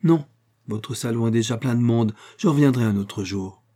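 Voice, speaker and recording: A man voicing an upright country gentleman who speaks in an authoritative, curt way. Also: mid-range voice, normal speed, natural voice. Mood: firm. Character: firm, upright country gentleman, dry and brief.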